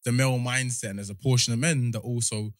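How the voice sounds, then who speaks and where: A man's voice: mid-range voice, fairly even intonation, fast, no room sound, clean studio sound. A young man with a London roadman accent, talking casually in a slangy, discursive way. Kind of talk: casual chat.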